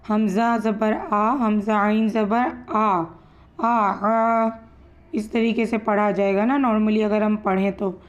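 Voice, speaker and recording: A woman teaching Quran recitation rules, slowly spelling out letters and vowel marks before reading each word. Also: medium pitch, a little mellow, dull audio. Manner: slow, drawn-out letter-by-letter recitation. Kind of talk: patient step-by-step lesson, spelling out letters.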